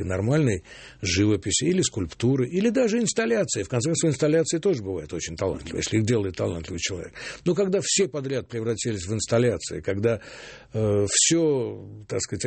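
Older man, composer guest on a radio show; husky, lowish voice, animated and opinionated, dry studio sound. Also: no echo. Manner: animated, opinionated, quoting others mockingly. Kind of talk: radio interview answers.

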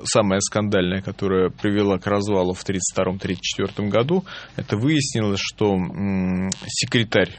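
A man speaking as a historian guest on a radio interview, halting and full of fillers. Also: fairly low pitch, slight background noise.

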